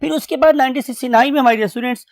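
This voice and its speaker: A man's voice: very high voice, fast talker, no room sound. Man giving a biology lecture. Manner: explanatory, mixes English terms, addresses "my dear students". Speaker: biology teacher. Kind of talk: classroom lecture.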